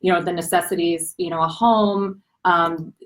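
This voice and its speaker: Speaking at normal speed in a lowish voice with fairly even intonation, a young female host interviews a guest on a live online series. She's friendly, affirms frequently, and her questions run long and multi-part.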